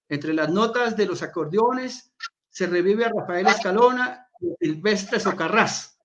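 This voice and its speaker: A male moderator with a notably high voice reads a book's back-cover text in a steady, formal manner. The sound is muffled and lo-fi. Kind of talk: reading aloud and hosting a panel. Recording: dull lo-fi audio.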